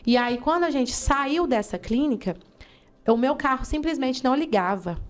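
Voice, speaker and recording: Fervorosa missionária brasileira, voz aguda. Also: female voice, sits high, lively intonation, normal speed. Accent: Brazilian. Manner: fervent, vivid storytelling with acted-out quotes. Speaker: missionary giving testimony. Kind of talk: emotional personal testimony in an interview.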